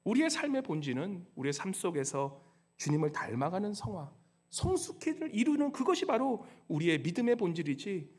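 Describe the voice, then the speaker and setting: Animated high-voiced pastor preaching. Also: male voice, fairly quick, husky. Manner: animated, swings between loud rebuke and hushed lows. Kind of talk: sermon. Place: church sanctuary.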